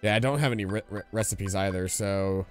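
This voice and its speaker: Guy streaming a game and chatting about it, lowish voice, reads the screen out loud, faint game music behind. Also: fairly quick. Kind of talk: casual gameplay commentary.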